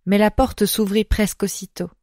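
Woman reading an audiobook, measured. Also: mid-range voice, level tone, a little mellow, no echo, clean studio sound. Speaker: audiobook narrator. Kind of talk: scripted narration.

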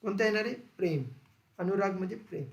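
A male teacher taking students through an exam-prep grammar lesson. He asks questions and then repeats the answers slowly. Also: high-pitched, creaky. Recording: echoey room.

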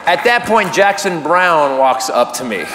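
A man telling a self-mocking story on stage as a stand-up comedian, animated and acting out voices. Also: on the high side, a little slow, some chatter behind, a little hiss or hum. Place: comedy stage before a crowd. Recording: roomy live venue with audience.

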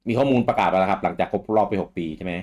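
A man's voice: deep voice, rapid-fire, darkish tone. A man in his thirties from Thailand, hosting a podcast in a rambling casual chat full of fillers and repeats. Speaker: podcast host.

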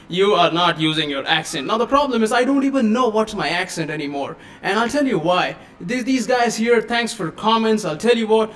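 Speaking into a USB studio mic at his desk at home, a high-voiced man runs a laid-back live-stream tech tutorial. His delivery is talkative and full of excited exclamations.

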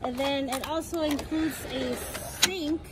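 A young woman with a high voice walks through a homemade build step by step, keeping a steady tone and a measured pace. This casual show-and-tell vlog was shot on a handheld camera in a driveway beside a house, with the camera mic capturing loud outdoor noise.

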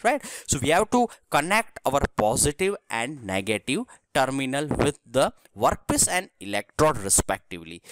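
A man's voice: a little high, a bit bright, dry recording. A man from India giving a recorded engineering lesson, explaining step by step and checking in with "right?". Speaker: engineering lecturer. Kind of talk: recorded technical lecture.

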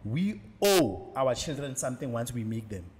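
A man's voice: medium pitch, very animated, moderate pace, in a large hall. A man with a South African accent, speaking reflectively and persuasively as a podcast co-host in a casual panel talk. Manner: reflective, persuasive, mixes in Sesotho.

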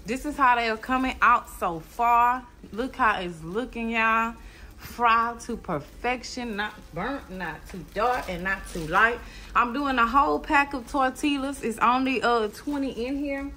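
A woman's voice: fairly high pitch, a little slow, sharp tone, slight background noise. A woman in her thirties hosting a casual cooking vlog from her home kitchen, chatty and talking straight to her viewers. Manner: chatty, addresses viewers as y'all and baby. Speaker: cooking channel host.

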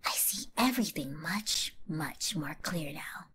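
A woman voicing a scheming, gloating evil lemon clone villainess in an online fan story, delivering a slow, menacing monologue in a whispery voice. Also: deep voice, lively intonation, bright, forceful tone, breathy edge, heavily acted. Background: music.

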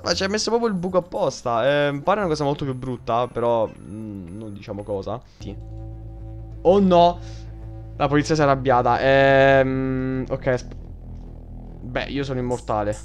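A young man with a Roman accent, doing excitable let's-play commentary, shrieking in panic and swearing often. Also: medium pitch, moderate pace, faint music behind. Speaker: gaming youtuber.

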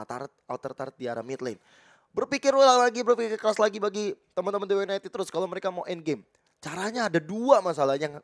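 A man with an Indonesian accent doing live esports commentary and analysis, in flowing explanations peppered with English gaming terms. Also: sits high. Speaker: esports co-caster.

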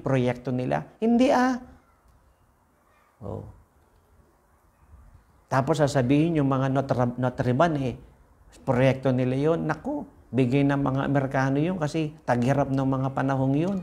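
A man's voice: mid-range voice, darkish tone. A man with a Filipino accent preaching a sermon, repeating phrases and asking the congregation rhetorical questions. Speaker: pastor.

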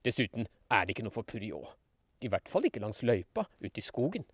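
A man narrating a children's audiobook in a lively, expressive way. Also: lowish voice, breathy edge.

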